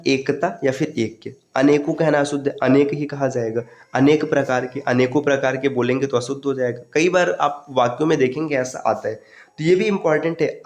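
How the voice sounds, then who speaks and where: This is a man with a somewhat high, darkish voice leading an online lesson to prepare students for exams. Calling them friends, he keeps drilling which word forms are correct and which are wrong.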